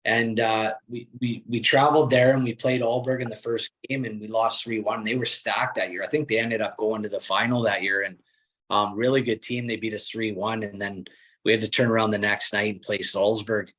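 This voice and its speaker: A man, a former hockey player and coach, chatting casually on a podcast and telling stories with relaxed restarts. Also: fairly low pitch, normal speed. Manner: relaxed storytelling with frequent restarts.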